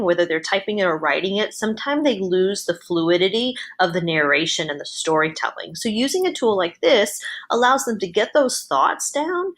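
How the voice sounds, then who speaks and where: A woman narrating an explanatory software tutorial as an educator. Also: lowish voice.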